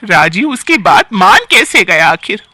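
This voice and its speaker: A nagging elderly aunt-in-law picks at everything with sighing complaints, as a man voices her. The tone is bright and piercing and sits fairly high. The sound is dry and close. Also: sing-song, unhurried, no room sound, heavily acted. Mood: scheming. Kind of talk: storybook character acting.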